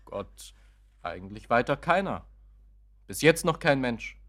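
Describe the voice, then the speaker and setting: Radio play: curt, evasive young man, gruff and impatient, with big pitch swings. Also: very animated, measured pace, a bit bright. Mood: tense, confiding. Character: irritable, evasive grown son, office worker. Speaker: son. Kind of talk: radio drama acting.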